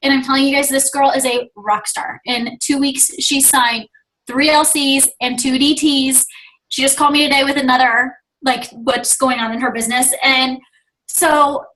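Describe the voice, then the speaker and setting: High-pitched woman, top-rank distributor, chatty pep talk over video call. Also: fairly bright tone, low-quality recording. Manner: chatty storytelling, quotes others in their voices. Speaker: guest speaker, top-ranking distributor.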